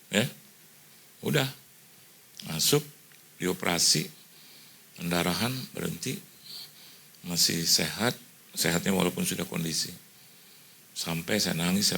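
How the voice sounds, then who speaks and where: Middle-aged man, pastor, sermon, gravelly, low voice, lively storytelling. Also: moderate pace, long pauses, a little hiss or hum. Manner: lively storytelling, mixing in English phrases, acting out quoted voices. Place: church hall.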